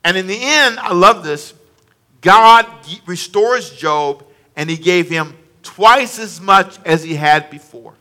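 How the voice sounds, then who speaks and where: A man's voice: sits high, slow, sharp tone. A man preaching a conversational sermon, stressing points by repeating phrases and addressing the congregation directly.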